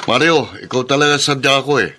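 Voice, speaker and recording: An actor playing a kind, concerned middle-aged uncle who asks worried questions and gently scolds. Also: male voice, mid-range voice, fast, a little hiss or hum, natural voice. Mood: friendly. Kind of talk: dramatized story acting.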